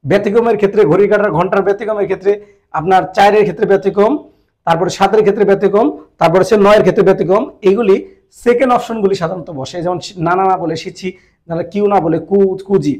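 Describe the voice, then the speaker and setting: A man's voice: high voice, very fast, darkish tone. A man teaching a language grammar lesson, patiently repeating each point and pointing viewers to their textbook. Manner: addresses viewers directly, pointing them to the book.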